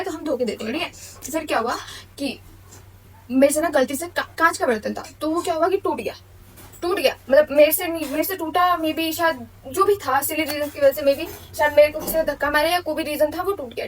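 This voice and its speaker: Young female vlogger, quick and high-pitched, blunt and slangy storytime rant. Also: distant mic. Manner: blunt, slangy, mixes English into speech. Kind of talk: venting storytime monologue.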